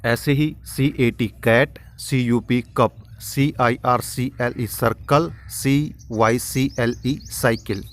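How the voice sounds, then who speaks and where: An Indian man teaching an English lesson, reading each line slowly and carefully. He explains in Hindi and spells words out letter by letter, like a schoolteacher going over a textbook. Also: medium pitch, fairly even intonation. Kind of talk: recorded classroom lecture.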